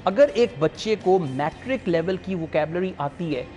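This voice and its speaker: English teacher guy explaining stuff on a morning show, soft music behind. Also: high-pitched, lively intonation, moderate pace. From Pakistan. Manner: explanatory, mixes English phrases into speech. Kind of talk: studio interview.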